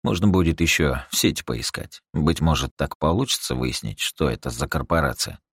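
A man reads a science fiction story aloud in a very deep voice. His intonation rises and falls widely as he tells it. The recording is dry and close, with no room echo. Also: lively intonation, normal speed, slightly rough. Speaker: audiobook narrator. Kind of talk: audiobook narration of a sci-fi story.

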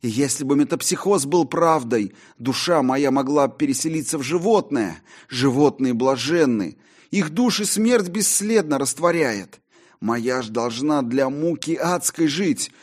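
A man's voice: expressive, unhurried. A doomed, despairing Faust, played by a male narrator, cries out his verses in a raised, strained voice well above the man's usual register. The delivery is theatrical and anguished, like a stage monologue read aloud in an audiobook. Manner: high, strained, anguished declaiming.

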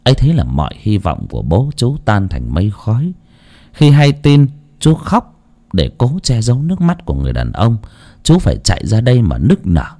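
A man narrating a village ghost story in a hushed, dramatic manner. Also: fairly low pitch, wildly swooping pitch, normal speed.

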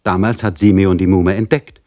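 A man's voice: low voice, fairly even intonation, normal speed, darkish tone, no echo, studio quality, close to an everyday voice. A man reading aloud voices a frightened young maidservant in an anxious, pleading way. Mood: eager.

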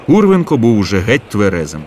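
A man narrating an audiobook in an expressive, lively reading. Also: fairly low pitch, fairly quick. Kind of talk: scripted narration.

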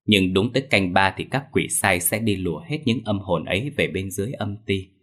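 Deep husky male ghost story narrator. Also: lively intonation, a little fast.

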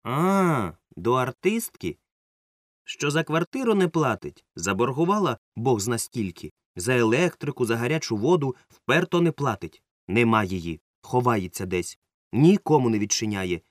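A man's voice: medium pitch, very animated, moderate pace, no echo, studio quality, natural voice. A man voicing a stern, suspicious middle-aged woman yard-sweeper who is secretly a witch, in an audiobook. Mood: stern scolding. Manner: stern, scolding, sharp. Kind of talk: audiobook character voice.

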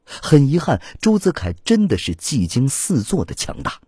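Man, audiobook narrator, dramatic storytelling, dry close sound, mid pitch. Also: wildly swooping pitch, normal speed, dark tone, slightly rough, no echo. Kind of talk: scripted narration.

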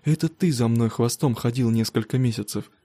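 A man reading an audiobook, voicing a young bride who speaks quietly and firmly to her husband. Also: medium pitch, brisk, no echo, close to an everyday voice. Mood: cold. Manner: quiet, restrained. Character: young bride, hurt but cold and firm.

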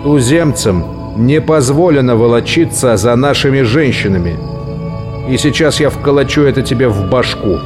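A man's voice: mid-range voice, moderate pace, lightly acted. A man doing a menacing contemptuous colonist. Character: burly bigoted male colonist, threatening. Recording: long reverb with soft music.

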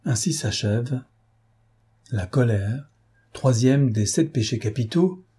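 A man narrating a classic novel as an audiobook, in a measured, literary manner. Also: mid-range voice, lively intonation, dark tone, husky.

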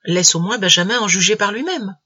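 A woman reading the part of a calm, plain-spoken older uncle in a storybook reading, keeping her tone even and dry. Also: medium pitch, fairly quick, breathy edge. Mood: calm, patient.

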